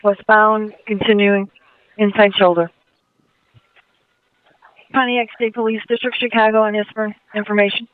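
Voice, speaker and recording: High-voiced guy dispatching on police radio, tinny, flat steady delivery. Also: measured pace, long pauses, smooth, no room sound. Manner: repeats back each report in clipped radio phrases.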